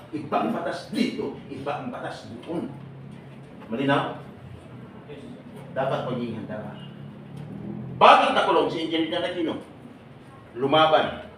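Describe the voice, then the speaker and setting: Man addressing a crowd, quizzing and joking, slightly high voice, heavy hall echo. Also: far from the mic, slight background noise. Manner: exhorting, asks the audience rhetorical questions, jokes. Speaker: seminar speaker and radio broadcaster. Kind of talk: lively speech to a live audience. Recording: echoey hall, voice off-mic.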